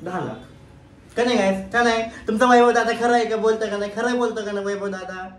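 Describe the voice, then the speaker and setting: A man's voice: high-pitched, fairly even intonation, fast talker. A young man chatting to viewers on a phone vlog outdoors in the rain, teasing and talkative. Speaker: vlogger. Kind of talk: casual vlog chat. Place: outdoors in heavy rain, city street. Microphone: handheld phone. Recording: rain noise on a phone mic. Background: rain and traffic.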